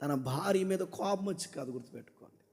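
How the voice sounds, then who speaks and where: A man preaching a sermon, swinging between loud shouts and low, intimate tones. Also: animated, quick pace, creaky. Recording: long hall reverb.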